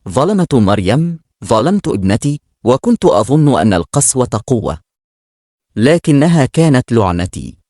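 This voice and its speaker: A man's voice: mid-range voice, big pitch swings, moderate pace, mellow, dry recording, clean studio sound, close to an everyday voice. A man voicing a remorseful, dying middle-aged woman in a read-aloud story, confessing in sorrow. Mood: regretful.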